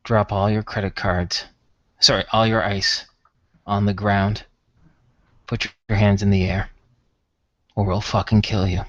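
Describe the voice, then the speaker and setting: A man voicing a gruff, blunt, coarse-mouthed mugger in a tabletop role-playing game. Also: lowish voice, level tone, unhurried, long pauses, no echo, lo-fi sound. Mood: menacing. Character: gruff menacing male mugger in dark corridor.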